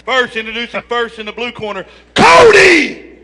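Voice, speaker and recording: A man working as ring announcer, introducing fighters in boxing style with names drawn out and shouted. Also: very high-pitched, very animated, moderate pace. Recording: echoey arena PA, crowd noise.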